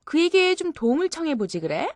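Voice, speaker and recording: A woman's voice: high-pitched, very animated, a little fast, no room sound, studio quality. A woman voicing a helpful female cartoon friend who encourages and corrects. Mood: encouraging. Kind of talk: educational cartoon dialogue.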